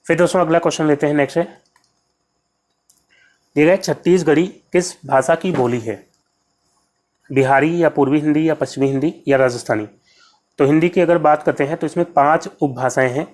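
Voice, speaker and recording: A young man running an exam-prep lesson, his voice sitting slightly high for a man. He explains each answer patiently and repeats key terms, speaking to viewers as friends. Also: fairly even intonation, a little fast, long pauses, darkish tone. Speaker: Hindi exam tutor.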